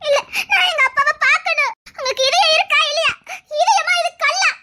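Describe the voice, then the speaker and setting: A piercing, very high and bright voice of a young woman in a TV serial, sobbing and pleading for her father. She shouts through her tears in raw anguish, with tense, shrill breaks. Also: expressive, quick pace, heavily acted. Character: desperate young woman begging to see her lost father. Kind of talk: tearful TV serial acting.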